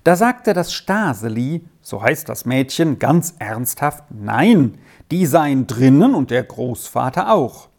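A woman's voice: a bass voice, big pitch swings, slow pace, hardly any pauses, heavily acted. A woman reading a storybook aloud, voicing an earnest, thoughtful young schoolboy who explains things at length. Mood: storytelling.

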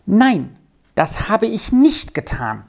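A woman's voice: on the low side, big pitch swings, a little mellow, voice pushed up, exaggerated voice. A woman doing an eager, breathless little girl. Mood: indignant. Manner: breathless and pleading, then indignant and fast. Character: excited, eager young peasant girl.

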